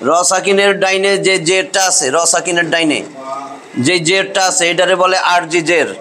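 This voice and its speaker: A man's voice: sits high, fairly even intonation, moderate pace, sharp tone. A man teaching a Quran recitation class, patiently repeating each rule with drilled examples. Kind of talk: classroom tajweed lesson.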